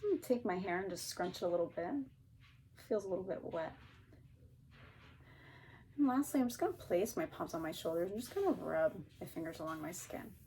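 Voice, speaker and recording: A woman therapist calmly and gently guiding listeners through a grounding exercise. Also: fairly low pitch, brisk, long pauses, a little hiss or hum, low-quality recording. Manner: calm, gently instructing. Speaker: therapist teaching a technique. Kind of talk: calm guided grounding exercise.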